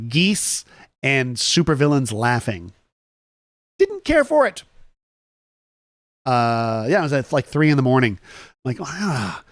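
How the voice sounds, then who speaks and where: A man's voice: mid-range voice, no room sound, studio quality. A man hosting a casual morning chat stream, rambling through stories and joking with viewers as he reads their comments. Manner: rambling, chatty, jokey asides to viewers. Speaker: host.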